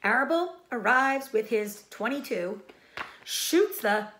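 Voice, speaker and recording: Woman as a loud, blunt old lady sheep. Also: on the high side, expressive, slow pace, a little hiss or hum, voice pushed up. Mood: world-weary. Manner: loud, blunt, matter-of-fact. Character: blunt, snappish old female sheep, world-weary busybody.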